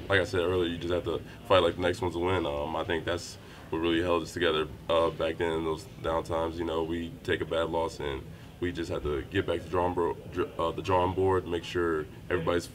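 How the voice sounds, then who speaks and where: A young college basketball player with a low, flat voice gives a postgame press interview in a small indoor room, standing by a wall. He sounds low-key and measured, using lots of fillers, while reporters hold handheld mics close. There's slight background noise.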